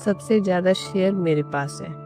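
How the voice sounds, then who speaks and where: A woman voicing a cold but tender rich young male CEO in a firm, calm tone. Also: on the low side, normal speed, soft background music, close to an everyday voice.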